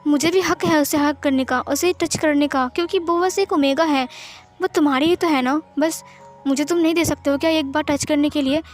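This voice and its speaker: A woman's voice: sits high, steady tone, normal speed, faint music behind, lightly acted. A woman voicing a leering, arrogant young male rival who talks in a sneering, pushy way.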